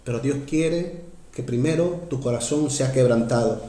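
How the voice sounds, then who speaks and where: A man preaching a sermon as pastor, urgent and heartfelt, surging loud then dropping to quiet asides as he keeps calling out to his brothers and sisters. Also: normal speed, echoey room. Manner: impassioned, swings from loud rises to low quiet asides, keeps addressing "hermanos".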